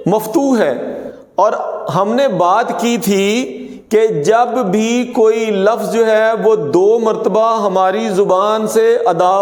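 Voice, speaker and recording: Man, teacher, high voice, drawn-out words, long reverb. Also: darkish tone. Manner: repeats words slowly, contrasting wrong and right forms. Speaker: Urdu teacher. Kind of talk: classroom pronunciation lesson. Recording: echoey room with long reverb.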